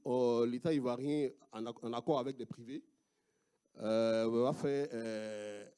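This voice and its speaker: A man with an Ivorian French accent, a sociologist giving an academic talk with slides, speaking haltingly with many fillers and restarts. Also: medium pitch, dark tone. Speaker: sociologist presenting research.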